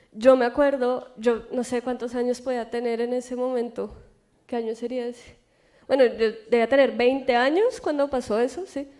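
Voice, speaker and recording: A woman's voice: on the high side, mellow. A Colombian woman in her thirties, a guest author answering questions in a university room, thinking aloud with frequent laughs. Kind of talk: conversational Q&A answers.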